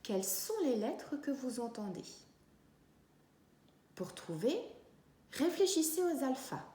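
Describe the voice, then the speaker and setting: A woman teacher giving a reading and writing lesson to young children, speaking slowly and clearly and stretching out the syllables. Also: sits high, sing-song, warm tone. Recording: echoey room.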